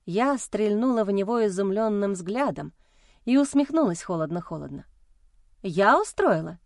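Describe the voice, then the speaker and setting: A woman's voice: mid-range voice, lively intonation, normal speed, mellow, no room sound, clean studio sound. Emotional woman audiobook narrator. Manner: emotional, dramatic, intense. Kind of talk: expressive first-person audiobook reading.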